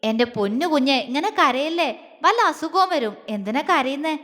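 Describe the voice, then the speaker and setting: A kind father-in-law, soft and coaxing as he comforts, as a woman storyteller puts him on. The voice stays high, wrapped in a lingering reverb. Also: expressive, moderate pace. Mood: tender. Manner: tender, coaxing. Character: gentle, caring middle-aged father-in-law.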